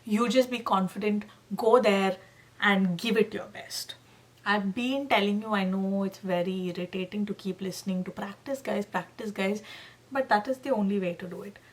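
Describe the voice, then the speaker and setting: In a casual tutorial filmed to camera, a young woman shares exam tips with her viewers, lively and emphatic. Her voice is mid-range at normal speed, and she keeps saying "guys" and checking in with "okay."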